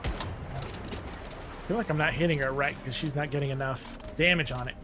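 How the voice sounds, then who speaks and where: A man's voice: mid-range voice, normal speed, noisy background. A man chatting casually during a co-op game, laid-back, trailing off and laughing now and then. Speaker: co-op gaming partner. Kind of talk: casual gaming chat.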